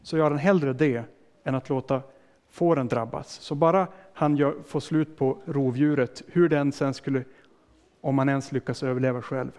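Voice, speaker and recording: A man's voice: mid-range voice, fairly even intonation, a little mellow. A man preaching a sermon as a pastor, explaining in plain words and putting questions to his listeners. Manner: casual fillers and restarts.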